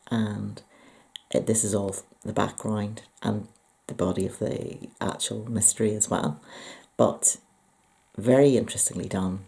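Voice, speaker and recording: Creaky Northern Irish voice, mellow and low-key. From Northern Ireland. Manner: enthusiastic, reflective. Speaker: book and poetry vlogger. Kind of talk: casual book review talk to viewers.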